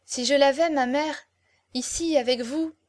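Give me a woman reading a tender young woman in love, soft and heartfelt, fairly high. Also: measured pace. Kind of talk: audiobook character reading.

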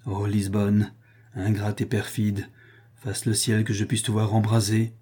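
A man's voice: fairly low pitch, little pitch movement, measured pace, mellow, slightly rough. A man reading aloud, voicing a proud, defiant deposed queen with indignant, haughty exclamations. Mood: bitter.

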